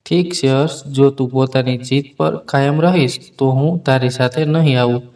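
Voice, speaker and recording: A man's voice: mid-range voice, fairly even intonation, moderate pace, close to an everyday voice. A man reading an angry, defiant young wife. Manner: sharp and defiant.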